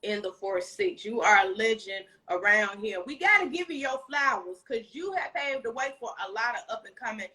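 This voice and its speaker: A woman host with an Alabama Southern accent and a high, forceful voice. She interviews casually, encouraging her guest and repeating phrases for emphasis. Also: expressive, moderate pace, few pauses. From Alabama, United States. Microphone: phone at arm's length, video call.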